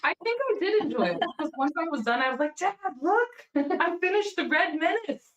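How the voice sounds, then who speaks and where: A woman's voice: very high voice, expressive, fairly quick, a bit bright, roomy sound, slight background noise. A woman from California, a guest speed puzzler, chatting upbeat on a video call. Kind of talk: casual video call chat.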